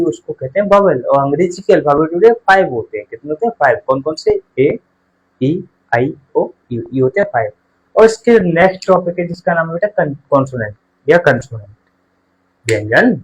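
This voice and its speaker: A man's voice: a little high, slightly rough, rough recording. A male teacher giving a live online grammar class, asking questions and answering them himself while addressing his pupils fondly.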